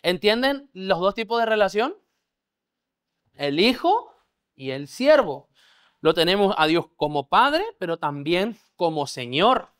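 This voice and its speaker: A man's voice: high-pitched, big pitch swings, a little slow, fairly bright tone, clear, resonant tone. A man preaching a discipleship sermon. He teaches a live congregation in church, keeps checking that they follow, and has them repeat words back to him. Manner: checks understanding, leads call-and-response. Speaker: pastor.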